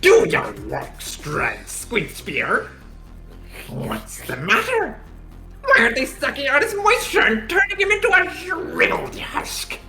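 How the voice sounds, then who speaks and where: A man's voice: very high-pitched, wildly swooping pitch, measured pace, bright, forceful tone, echoey room, soft background music, pitched above the performer's own voice, full character voice. A man voicing a blustering, scheming fishman fighter in a theatrical, menacing way for a comic manga dramatization. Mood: outraged. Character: blustering villainous male fishman fighter, hot-tempered, scheming.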